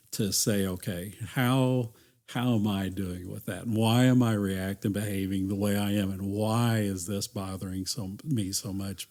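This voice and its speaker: A man's voice: on the low side, a little mellow. A man working as a church counselor, talking earnestly and reflectively on a podcast, often restarting his phrases. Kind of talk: conversational podcast talk.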